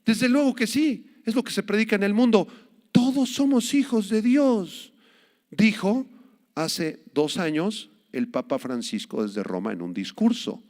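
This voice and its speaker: Emphatic male pastor with lively swinging pitch. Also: moderate pace, big-room sound. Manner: emphatic preaching, dramatic swings in pitch and loudness. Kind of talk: sermon.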